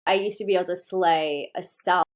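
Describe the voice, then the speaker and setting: A woman's voice: fairly low pitch, steady tone, fairly quick. A woman hosting a livestream, chatting casually and rambling with lots of "like". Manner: rambling, heavy use of "like". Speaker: livestream host.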